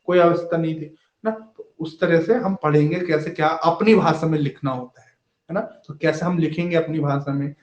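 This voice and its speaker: A man in his thirties teaching an exam-prep lesson, explaining step by step and often checking in with "है ना". He sometimes slows down to dictate notes. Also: a little high, darkish tone. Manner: explanatory, frequent "है ना" tag questions. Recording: echoey room, dull lo-fi audio.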